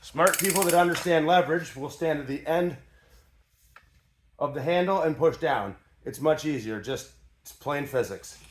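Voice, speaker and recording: A man's voice: fairly high pitch, normal speed, a little hiss or hum. Folksy man in his workshop. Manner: folksy, plain-spoken, explains as he works. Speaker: tradesman demonstrating an antique tool. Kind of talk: casual how-to demonstration.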